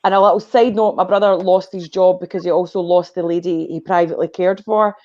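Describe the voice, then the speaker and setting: A woman's voice: on the low side, fairly even intonation, fairly quick, dark tone, dull audio. A Scottish woman chatting as a guest on a video call, telling a long story and drifting off on tangents. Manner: rambling storyteller, goes off on tangents. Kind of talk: casual chat.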